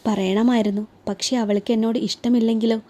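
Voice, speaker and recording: A young policeman in love speaks in quiet, gentle questions, as a woman reader takes his part. The voice is mellow and warm, never raised, with the easy pace of a storybook telling. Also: on the high side, flat delivery, brisk, natural voice. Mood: tender.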